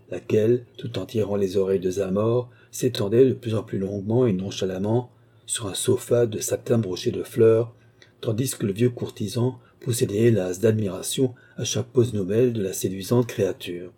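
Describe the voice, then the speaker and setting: A man narrating a classic novel in an even, measured reading style. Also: on the low side, slightly rough. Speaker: audiobook narrator.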